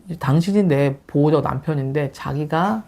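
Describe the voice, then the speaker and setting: A man's voice: a little high, moderate pace, creaky. A man, a pastor, chatting casually and telling a story about his marriage, full of fillers. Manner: animated storytelling with frequent fillers. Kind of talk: casual chat.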